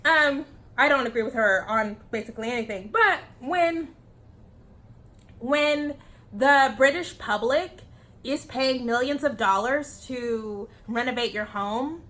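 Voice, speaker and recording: Blunt, bright-voiced woman vlogger. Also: on the high side, takes it slowly. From United States. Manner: blunt, profane, laughs often. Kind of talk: casual opinion commentary.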